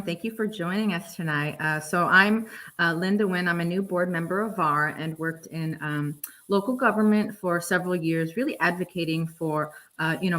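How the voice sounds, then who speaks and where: A woman's voice: lowish voice, a bit bright, poor audio. A woman hosting a live online talk show, introducing a guest in a friendly way with plenty of fillers. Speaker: host. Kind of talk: livestream hosting.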